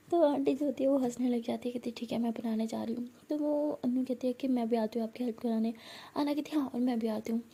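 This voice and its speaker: Woman storyteller, high dark husky voice, soft half-whispered delivery. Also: steady tone, a little fast. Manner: soft, partly whispered narration. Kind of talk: narrating a love story, voicing each character.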